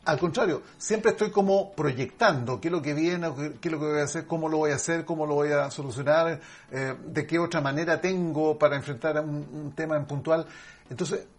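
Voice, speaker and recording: A man's voice: fairly high pitch, brisk. A man who hosts the show, chatty and upbeat, asking his guest leading questions. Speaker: host. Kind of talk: talk show interview.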